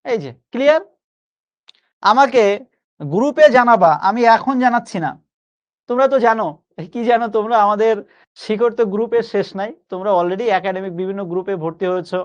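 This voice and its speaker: A young man teaching an online grammar class, coaxing his students and repeating key phrases slowly for emphasis. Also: high-pitched, fairly even intonation, muffled recording. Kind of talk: live online class lecture.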